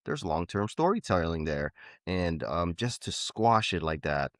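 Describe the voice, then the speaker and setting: A man's voice: deep voice, animated, a little slow, no room sound, clean studio sound. A man co-hosting a wrestling podcast, rambling in casual chat with many restarts. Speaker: podcast co-host.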